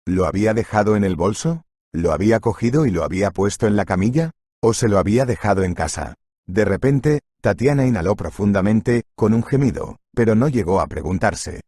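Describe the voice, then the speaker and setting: Low, husky male storyteller. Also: expressive, fairly quick, darkish tone, dry recording, studio quality. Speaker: narrator. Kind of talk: scripted story narration.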